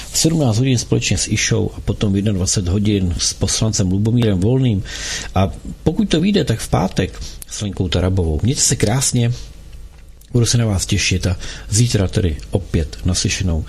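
Gravelly low male radio reader. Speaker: radio host. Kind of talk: reading a novel aloud on air.

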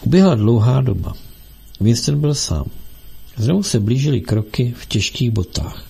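A male audiobook narrator with a gravelly, husky voice reads in a steady, measured way. His pitch sits in the middle of the male range. He delivers the text as scripted narration.

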